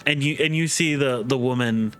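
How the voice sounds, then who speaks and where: A man running a tabletop game as game master, narrating in a halting way with restarts and fillers. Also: mid-range voice, a bit bright, smooth, soft background music.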